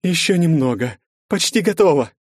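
A man's voice: a little high, darkish tone, no room sound, pitched above the performer's own voice, natural voice. Man reading as a breathless, eager sorceress, raised voice, dry. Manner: calling out, hurried.

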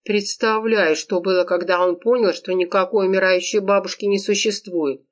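A woman's voice: medium pitch, steady tone, moderate pace, highs cut off, natural voice. A woman reading an audiobook, voicing a bossy, sarcastic young woman who scolds her friend. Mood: scolding sarcastic. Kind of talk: audiobook character voice.

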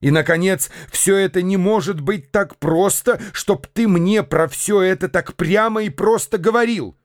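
A man's voice: sits high, measured pace, no room sound, clean studio sound. A man narrating a radio drama in the first person who bursts out with agitation in his own lines.

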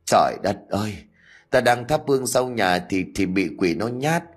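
Scared old grandpa, shaky and begging, husky low voice, narrator guy doing him. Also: animated, normal speed. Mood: terrified. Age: older. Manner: trembling, pleading. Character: frightened old grandfather, superstitious.

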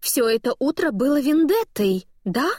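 A woman's voice: high-pitched, sing-song, normal speed, dry recording, clean studio sound, pitched above the performer's own voice. A woman voicing an angry, suspicious woman tourist who hurls accusations in an audiobook. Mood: accusing. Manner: accusing, sharp outbursts. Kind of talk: audiobook dialogue.

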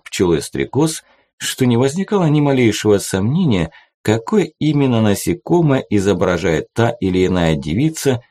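A man's voice: low voice, darkish tone. A man reading an audiobook as narrator, telling the story expressively. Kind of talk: scripted narration.

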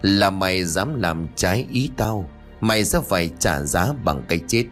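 A man's voice: deep voice, animated, moderate pace, faint music behind. A man voicing a vengeful female ghost who possesses people and speaks in a menacing, commanding way, in an audiobook.

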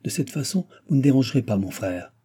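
A man's voice: medium pitch, big pitch swings, fairly quick, mellow, breathy edge, pitched above the performer's own voice. A man voicing a young noblewoman who coaxes and soothes. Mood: coaxing. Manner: soothing, coaxing. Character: coaxing young noblewoman, woman.

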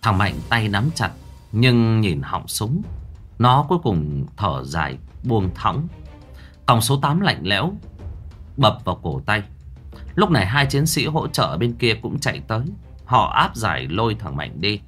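A man narrating a story in a dramatic, animated way. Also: lowish voice, measured pace, faint music behind. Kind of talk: scripted storytelling.

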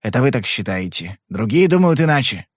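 A cool, persistent private detective who presses every question calmly and bluntly, read by a man. His voice is of middling pitch and sounds close and dry. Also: a little fast, no echo. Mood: probing. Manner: calm, probing, blunt.

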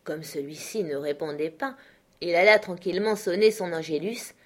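A woman reading a classic novel aloud in a measured storytelling manner. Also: lowish voice. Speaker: audiobook narrator. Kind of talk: literary audiobook narration.

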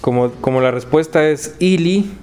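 A man with a Mexican accent teaching a class in a university lecture hall, drilling pronunciation slowly and patiently, word by word. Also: a little high, a little mellow. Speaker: Esperanto teacher.

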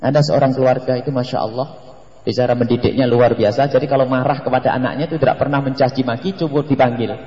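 A man's voice: medium pitch, steady tone, quick pace, warm tone. A man preaching a sermon, animatedly acting out family dialogue in changing voices. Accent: Indonesian. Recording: echoey hall, dull lo-fi sound.

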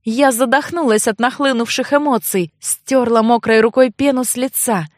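High-voiced woman narrating an audiobook. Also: moderate pace, a little mellow, no echo, studio quality. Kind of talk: first-person fantasy novel narration.

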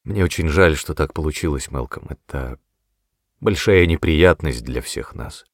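A man reading an audiobook, voicing a reserved young priest who speaks quietly and with restraint. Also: rumbling low, a little slow, no room sound, clean studio sound, voice pushed down. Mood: quiet regret. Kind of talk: audiobook character voice.

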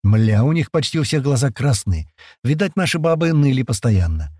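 Lively male audiobook narrator. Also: medium pitch, normal speed, no echo, studio quality. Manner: casual, coarse street slang. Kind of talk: first-person audiobook narration.

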